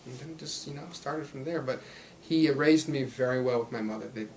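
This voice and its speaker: In a poor recording with slight background noise, a young man in his twenties, a guest actor from Belgium and Los Angeles, talks casually about his acting work. His mid-range voice is a little mellow and a little fast, and his upbeat, rambling answers come with frequent laughter. Part of his upbringing was in Belgium.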